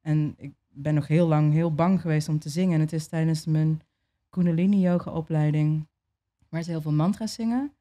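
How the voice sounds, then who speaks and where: A young adult woman being interviewed, telling a personal story in a relaxed way, with many fillers and restarts. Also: sits low, normal speed. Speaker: interview guest.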